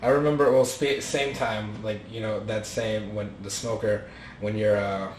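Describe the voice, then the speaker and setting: A man's voice: lowish voice, fairly even intonation, moderate pace, reverberant, a little hiss or hum, poor audio. A man chatting casually on a podcast, rambling through memories with many restarts and bursts of laughter.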